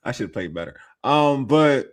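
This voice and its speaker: A man in casual talk-show banter, speaking at a middling pitch. He rambles and restarts his thoughts, gets excitable, and laughs a lot. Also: moderate pace. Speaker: podcast host. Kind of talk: casual sports chat.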